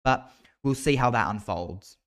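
With a mid-range voice and a measured pace, this Australian podcast host talks through a TV soap on his own in a relaxed, chatty, informal style.

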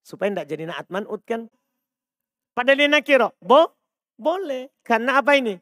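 Male religious teacher, high voice, dry close sound, drills students on Arabic grammar. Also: lively intonation, normal speed, fairly bright tone, no room sound. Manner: quizzing students with repeated questions; mixes Arabic terms with Indonesian explanation. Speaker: Islamic studies teacher. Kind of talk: classroom lesson on Arabic grammar.

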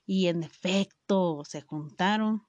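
A woman's voice: lowish voice, slow, a little mellow, no echo, dull audio. A young woman with a Mexican accent telling a personal story to her viewers in a casual, slangy way, swearing freely and restarting her sentences often. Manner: slangy, full of fillers and swearing; frequent self-interrupting restarts. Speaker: vlogger.

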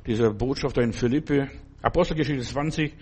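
A man's voice: mid-range voice, brisk, darkish tone, husky. An older male preacher delivering a loose, conversational sermon, often stopping to ask whether the listener understands. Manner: conversational, keeps asking "verstehst du?".

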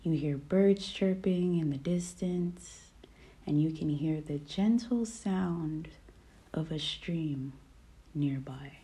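A woman guiding a meditation in a calm, soft voice that often drops to a whisper. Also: sits low, slow. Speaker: podcast host. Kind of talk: guided meditation.

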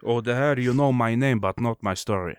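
A man's voice: mid-range voice, smooth, no room sound, clean studio sound. A man chatting as a podcast guest, boastful and full of street slang. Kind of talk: casual chat.

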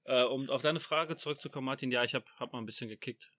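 A man, co-hosting a casual podcast with deadpan, teasing humor. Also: mid-range voice, fast talker. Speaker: podcast co-host.

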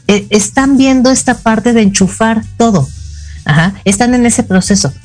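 A woman's voice: on the high side, darkish tone. A middle-aged woman with a Mexican accent, a psychologist co-hosting a casual talk show and explaining with frequent "ajá" fillers. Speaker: psychologist co-host.

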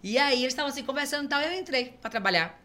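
A middle-aged woman with a Brazilian Portuguese accent, a podcast guest who tells stories in a lively way and acts out the dialogue. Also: high voice, very fast. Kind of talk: conversational storytelling.

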